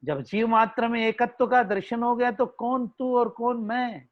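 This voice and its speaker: A man with a Hindi accent delivers an unhurried devotional discourse, drawing out his words and slipping into chanted, melodic verses. His voice sits high for a man. The recording is dull and lo-fi. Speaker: religious storyteller.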